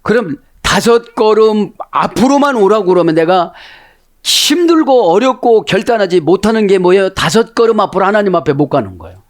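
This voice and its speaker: Lively, animated male pastor preaching. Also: high voice, fairly quick. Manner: animated, constantly prompting the congregation with "에?"; acts out quoted voices within the sermon. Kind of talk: sermon.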